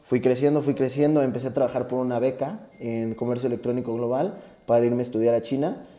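A man's voice: mid-range voice, steady tone, fast, mellow. A young man from Tabasco with a Mexican accent, a rapper telling his story in a casual interview in an earnest, reflective way. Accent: Mexican Spanish. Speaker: guest, rapper.

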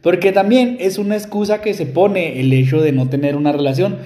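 High-voiced Mexican man, roomy sound. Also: brisk, dark tone. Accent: Mexican Spanish. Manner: teasing, joking, addresses listeners. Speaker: podcast co-host. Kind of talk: casual chat.

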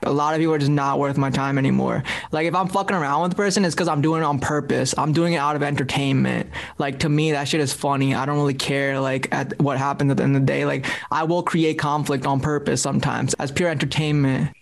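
A man's voice: medium pitch, fairly even intonation, fast, gravelly, hardly any pauses, no room sound. A man co-hosting a podcast, chatting in a loose, laid-back way with lots of filler words. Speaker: podcast co-host. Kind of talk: casual chat.

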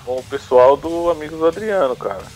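A man's voice: fairly high pitch, expressive, a little fast, a little mellow, soft background music, low-quality recording. A man with a Brazilian accent chatting casually and informally. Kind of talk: casual chat.

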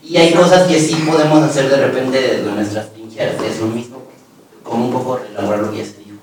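A man's voice: mid-range voice, steady tone, fairly quick, crowd noise. A man thoughtfully sharing views and a personal story in a discussion, sometimes searching for words. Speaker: panelist. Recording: echoey room, distant mic.

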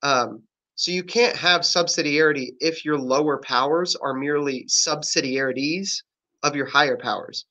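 A man's voice: on the high side, normal speed, pushed and bright. A man explaining political ideas in a casual podcast discussion, earnest and often correcting his own wording. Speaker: podcast guest.

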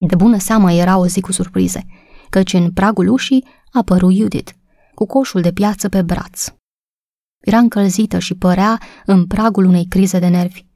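A woman narrating a novel as an audiobook, in a steady storytelling manner. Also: medium pitch, dry recording, clean studio sound.

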